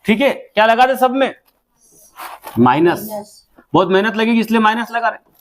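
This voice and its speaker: High-voiced man teaching maths. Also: moderate pace. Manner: asks pupils constant questions, then answers them himself. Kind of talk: classroom maths lesson.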